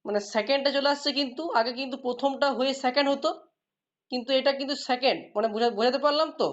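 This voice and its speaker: A woman's voice: high voice, racing. A woman teacher, giving a classroom lesson. She explains step by step, asks her students questions and praises their answers. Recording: dull lo-fi recording.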